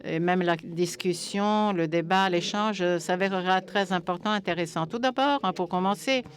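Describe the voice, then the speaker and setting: A woman's voice: lowish voice, moderate pace, a little hiss or hum. A woman interpreting a debate speech live, putting a panel speaker's remarks into words as they come.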